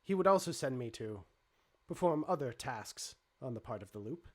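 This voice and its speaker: A man voicing a vengeful but polite male robot in a tabletop game, speaking in low, measured, formal sentences. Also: expressive, natural voice. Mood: grim.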